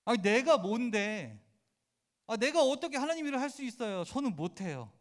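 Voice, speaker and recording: A man's voice: very high-pitched, very animated, moderate pace, voice pushed up. A man voicing Moses as a timid, self-doubting man pleading that he cannot do the task.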